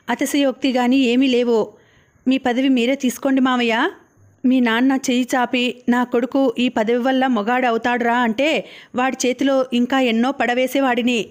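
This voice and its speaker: A woman narrating an audiobook of a novel, reading all the characters' lines in her own voice. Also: high-pitched.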